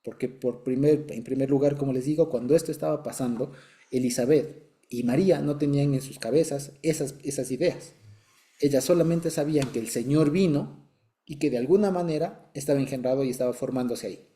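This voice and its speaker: A man with a very deep, mellow, warm voice leads a conversational Bible lesson. He explains patiently, checks in often with short asides to his listeners, and chuckles lightly along the way. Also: fairly quick. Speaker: Bible study teacher.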